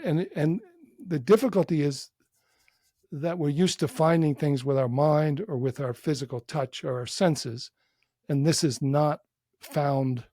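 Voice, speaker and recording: A man who works as a psychotherapist, guiding a short meditation in a calm, unhurried, gently inviting voice with long pauses. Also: a little high, no room sound, studio quality. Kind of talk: guided meditation within a podcast interview.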